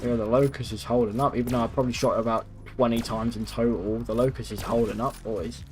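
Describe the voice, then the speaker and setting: Over background music, this young man talks fast in a mid-range voice with fairly even intonation. He's livestreaming a game from his PC, chatting loosely, rambling, and cursing occasionally into his microphone.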